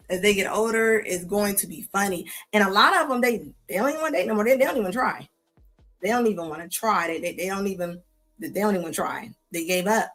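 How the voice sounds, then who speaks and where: Hosting a live show, a woman with a medium-pitched, somewhat bright voice comments on videos as they play. She reacts with sass and scolding, uses casual slang, and often repeats herself.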